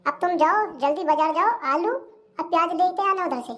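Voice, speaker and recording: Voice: very high-pitched, normal speed, bright, forceful tone. Voice actor doing a sly young daughter-in-law. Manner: bossy and sly, talks back. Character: sharp-tongued young daughter-in-law, scheming. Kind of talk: cartoon comedy voice acting.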